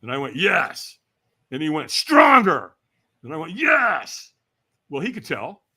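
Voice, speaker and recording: Speaking rapid-fire in an expressive, higher-pitched voice, this podcast guest is a man in his sixties from California. He spins an energetic tale, imitating the people he quotes and chuckling throughout.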